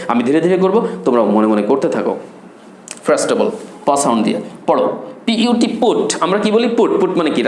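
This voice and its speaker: Man teaching English pronunciation. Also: fairly high pitch. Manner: drills words by repeating them, asks students to repeat. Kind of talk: online spoken English lesson. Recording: echoey room with faint noise.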